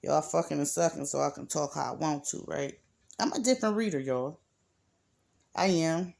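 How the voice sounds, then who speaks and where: A woman's voice: sits low, moderate pace, gravelly, a little mellow. A woman giving a casual, rambling reading to her viewers, blunt and cursing freely. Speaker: card reader.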